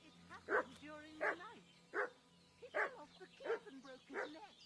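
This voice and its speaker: A woman's voice: high voice, animated, moderate pace. An actress playing a frail, shaky-voiced old village woman in a video game, wary and pleading. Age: older. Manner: defensive, pleading. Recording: game audio under loud music.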